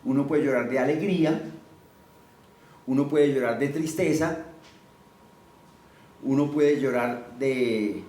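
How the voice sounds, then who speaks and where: A man's voice: medium pitch, a little mellow, reverberant, far from the mic, slight background noise, low-quality recording. A man preaching a sermon, teaching conversationally and asking his listeners questions as he goes.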